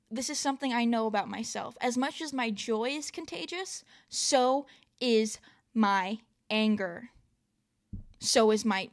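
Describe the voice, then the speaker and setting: A woman giving an emotional, self-reflective monologue, animated and excitable, often laughing and swinging from loud bursts to soft near-whispers. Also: fairly high pitch. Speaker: vlogger.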